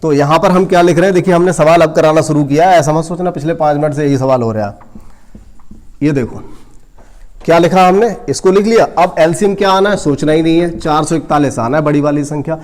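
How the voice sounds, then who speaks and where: In a coaching class on math, a man with a voice on the high side talks a little fast as he works sums aloud step by step. He addresses his students directly and scolds them gently.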